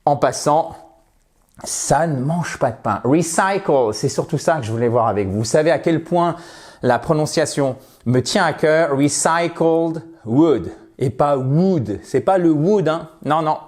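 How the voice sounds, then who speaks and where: A man's voice: on the high side, expressive, moderate pace, darkish tone. A man giving an online English lesson, explaining in French and playfully drilling English words by repeating them. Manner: switches between French explanation and English examples. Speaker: English teacher.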